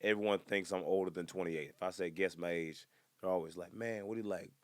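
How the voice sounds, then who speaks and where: This man in his twenties delivers a casual, comedic podcast monologue at a brisk clip, bursting into loud, high-pitched voices when he imitates others. The studio sound is clean with no echo.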